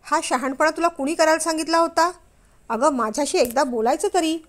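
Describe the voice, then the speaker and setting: A woman's voice: high-pitched, fairly quick. A woman playing a scolding angry husband. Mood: stern, angry. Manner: loud, stern, rebuking. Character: angry scolding husband, middle-aged man.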